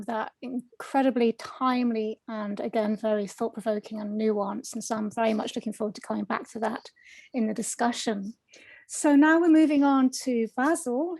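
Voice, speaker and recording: Woman hosting a zoom panel, high-ish voice, dry close sound, warm thank-yous. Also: dry recording, poor audio. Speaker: panel chair. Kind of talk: chairing an online panel. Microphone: video call.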